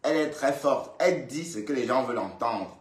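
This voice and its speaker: A man from Cameroon giving casual commentary on a live video, lively and scolding, often repeating himself as he talks straight to the woman he reacts to. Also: mid-range voice, fairly quick, slight background noise. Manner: lively, scolding and repetitive, addressing her directly. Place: indoors, in Brussels. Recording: roomy echo.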